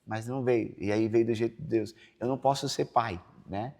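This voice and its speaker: A man's voice: medium pitch, moderate pace, gravelly, a little mellow. A man with a Brazilian Portuguese accent, a pastor telling his personal testimony in a podcast interview, earnest and preachy. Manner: earnest, preachy, acts out quoted dialogue.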